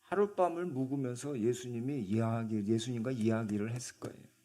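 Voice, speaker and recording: A man's voice: mid-range voice, brisk, warm tone. A male pastor preaching a sermon in a church, in a conversational way, often asking the congregation questions.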